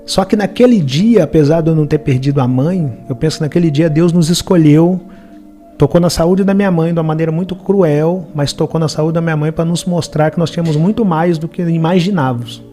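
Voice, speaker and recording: A middle-aged man from Minas Gerais speaks with a Minas Gerais accent, his voice slightly raised in pitch and mellow in tone. He tells a life story earnestly and reflectively, and faint music plays softly beneath him. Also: a little fast. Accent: Brazilian Portuguese, Minas Gerais. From Minas Gerais, Brazil. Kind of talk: personal storytelling in an interview.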